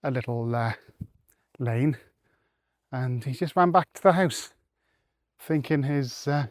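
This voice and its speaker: Here a married adult man, a vlogger, talks casually to the camera on a walk through open fields, somewhat out of breath and rambling with many fillers and restarts. He speaks at a slow pace in a mid-range voice, recorded at studio quality with no room sound.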